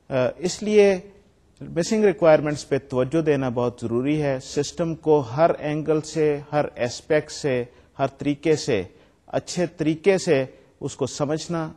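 Guy teaching a class, goes step by step, english tech words dropped in, voice neither high nor low. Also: darkish tone. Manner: explains step by step, mixes in English technical terms, reads examples aloud with stress. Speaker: lecturer. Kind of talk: recorded lecture.

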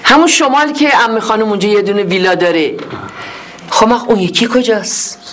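A woman of middle pitch in a comedy sketch coaxes answers with sweet-talking, patient questions. Faint noise sits behind her. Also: a bit bright.

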